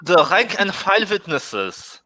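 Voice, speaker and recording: A man voicing a pompous church official in a mock German accent, with halting, deliberate pauses on a video call. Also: high voice, big pitch swings, a loud crowd, low-quality recording. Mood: mock-solemn.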